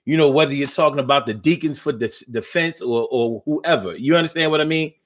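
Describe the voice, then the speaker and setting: A man's voice: on the high side, brisk. A man of fifty hosting a call-in talk show, speaking with passion and often repeating words as he builds his point. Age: 50s.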